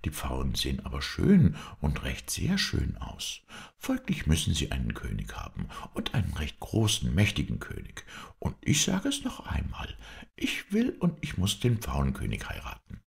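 A man's voice: low voice, huge pitch swings, moderate pace, gravelly, darkish tone, pitched above the performer's own voice, full character voice. A man reading aloud and voicing a spoiled, headstrong young princess who speaks indignantly and insistently.

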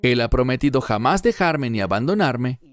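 A man at medium pitch dubs an earnest Bible teacher in his fifties, his delivery expressive and lightly acted. He preaches verse by verse, phrasing things emphatically and deliberately.

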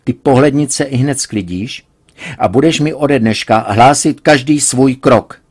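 A man playing an agitated, hot-tempered middle-aged father who blusters and shouts in indignation. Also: lowish voice, wildly swooping pitch, slightly rough, full character voice. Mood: stern.

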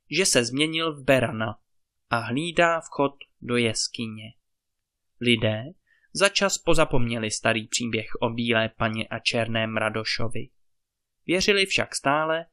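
A man reading a fairy tale aloud as a storyteller, in calm, measured narration. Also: medium pitch.

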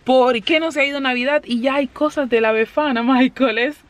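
A woman's voice: sits high, fairly even intonation, a little fast, dry recording. A woman chatting casually to her vlog viewers, fond and talkative, patiently explaining words. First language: Spanish. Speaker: family vlogger.

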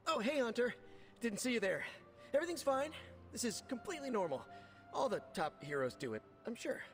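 An actor playing an eager, self-conscious young spider superhero in a video game, theatrical and joking. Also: male voice, extremely high pitch, big pitch swings, a little fast, fairly bright tone, soft background music, full character voice. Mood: flustered.

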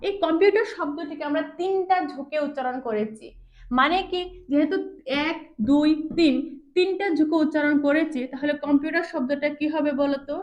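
A woman's voice: sits high, lo-fi sound. A woman with a Bengali accent teaching a basic English lesson, drawing out words syllable by syllable and often checking that her pupils follow. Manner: drawn-out, syllable-by-syllable word demonstrations; asks pupils frequent check questions. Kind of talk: classroom lesson.

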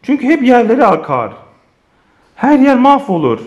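A man filming a playful family vlog, teasing the kids and chatting to viewers in an animated way. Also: very high voice, a little slow, highs cut off. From Turkey. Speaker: family vlogger.

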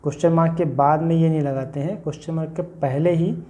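A man's voice: a little high, fairly even intonation, quick pace, warm tone, lo-fi sound. An Indian man teaching an online grammar lesson, explaining patiently with lots of examples. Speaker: English teacher. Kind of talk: classroom-style video lesson.

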